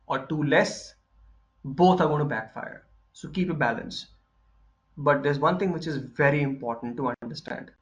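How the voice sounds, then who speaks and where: A man's voice: a little high, fairly bright tone. A man running a live training session on presentation skills, explaining step by step and often checking in with "right?" and "okay?". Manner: explanatory, repeats points, frequent "right?" and "okay?" check-ins.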